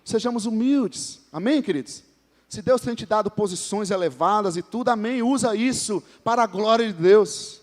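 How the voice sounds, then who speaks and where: A Brazilian pastor preaches a sermon in a reverberant church hall, his male voice high yet darkish in tone, at a moderate pace. He preaches conversationally, often calling out to the congregation and joking with members by name.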